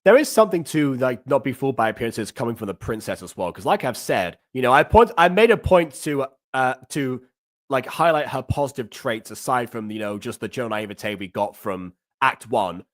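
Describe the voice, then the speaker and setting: A man reviewing in a casual reaction commentary, thinking aloud in a halting way. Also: medium pitch, animated.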